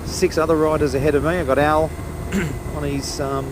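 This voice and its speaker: A man's voice: on the high side, steady tone, moderate pace. An Australian man giving a laid-back, hesitant, rambling commentary while riding a motorcycle, his voice enclosed inside a helmet. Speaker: motorcycle vlogger. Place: on a moving motorcycle, outdoors. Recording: loud engine and road noise.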